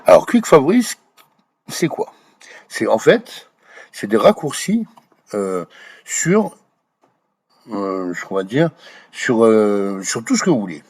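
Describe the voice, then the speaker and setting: Hesitant man teaching software, lively pitch. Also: takes it slowly, long pauses, husky. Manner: hesitant, many fillers and restarts, checks in with "d'accord?". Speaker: Blender tutorial creator. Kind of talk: screen-recorded software tutorial.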